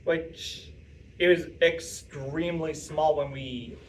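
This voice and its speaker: A young man talks casually to an audience, rambling and restarting with plenty of fillers. His voice sits a little high. He is picked up from across a meeting room, with faint room noise behind him. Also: fairly even intonation, slow, recorded from a distance, poor audio. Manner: chatty, rambling, self-interrupting with fillers. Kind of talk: casual talk answering audience questions.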